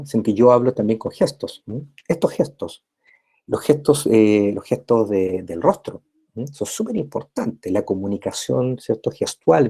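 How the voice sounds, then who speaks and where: This recorded university lecture features a man whose voice is lowish and warm, with a breathy edge. He explains step by step, restating and rephrasing ideas while constantly checking in with his audience through tags.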